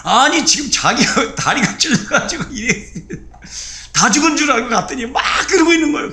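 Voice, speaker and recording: Middle-aged male pastor, storytelling sermon, gravelly tone, big animated swings. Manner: animated, acts out quotes with sudden high bursts.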